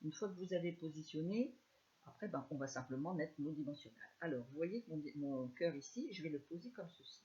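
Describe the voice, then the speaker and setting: A woman with a northern French accent giving a live scrapbooking tutorial, chatty and soft-spoken, with many fillers. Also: deep voice, lively intonation, fairly quick, muffled recording. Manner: speaks softly, chatty, many fillers like "alors" and "hein". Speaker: scrapbooking demonstrator.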